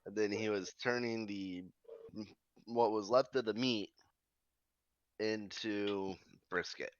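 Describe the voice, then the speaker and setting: A man with a lowish voice talks casually as a tabletop player. The sound is very dry and slightly dull, like a lo-fi recording. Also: steady tone, slow, dry recording. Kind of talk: casual game talk.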